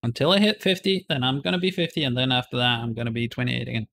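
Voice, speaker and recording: Quick, creaky and a bit bright, this medium-pitched man in his forties speaks with fairly even intonation over slight background noise. He chats playfully with his live stream audience through a headset in a small room while gaming.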